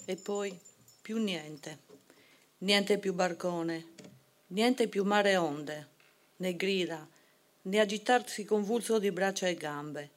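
A man reciting poetry at a live event in a measured way, with lingering pauses. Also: high-pitched. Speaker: poetry reader. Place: event hall. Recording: noisy live event recording.

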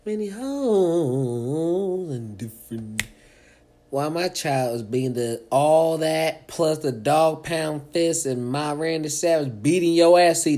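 A woman with an extremely deep voice rambles through crude comic stories. Her pitch swings widely, and she jumps into loud acted-out voices. Her delivery is slow and drawn out. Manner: profane, animated, acts out quoted voices. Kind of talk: rambling comedic storytelling.

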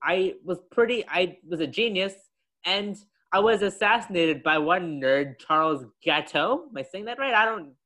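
A boastful, self-satisfied ghost of a dead president holds court in a comedy podcast skit, as a young man puts him on. The voice is bright and a little high. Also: lively intonation, moderate pace. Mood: smug. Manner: smug, boastful.

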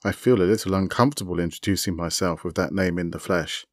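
A man's voice: deep voice, quick pace, no room sound, clean studio sound, close to an everyday voice. A man reading a story, voicing an easygoing, chatty, slightly awkward man in his thirties. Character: round-faced man in his thirties, car modder.

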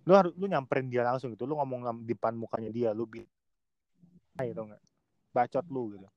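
A man's voice: medium pitch, a little fast, no room sound, muffled recording. A man talking casually and animatedly on a remote podcast from home, slangy and mocking online commenters. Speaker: podcast guest.

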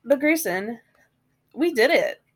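A sick woman with a hoarse smoker's rasp, chatting casually and self-deprecatingly as a podcast co-host. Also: sits high, animated, slow. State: sick with a cough. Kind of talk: casual chat.

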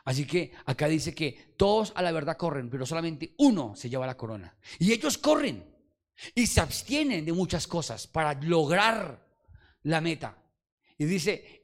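Pastor preaching with call-and-response. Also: male voice, a little high, animated, normal speed. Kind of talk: sermon. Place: church service.

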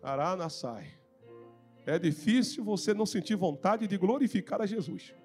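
A man from Brazil preaching a fervent Pentecostal sermon in church, telling his own testimony and rising into shouted exhortation. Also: sits high, brisk, soft background music. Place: church service.

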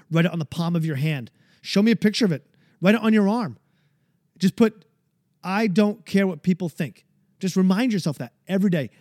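A man's voice: fairly high pitch, darkish tone, no room sound, studio quality. A man hosting a podcast, delivering a fired-up, preachy motivational monologue and swearing freely. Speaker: podcast host.

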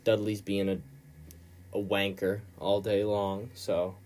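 A man's voice: fairly low pitch, flat delivery, slow pace, darkish tone. A male podcast host giving a casual, rambling recap of a chapter in informal, slangy storytelling.

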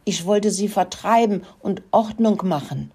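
A woman's voice: mid-range voice, lively intonation, a little slow, mellow, slightly rough. A woman voicing a greedy male pig who grunts and whines his excuses. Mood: accusing. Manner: whiny, grunting, defensive.

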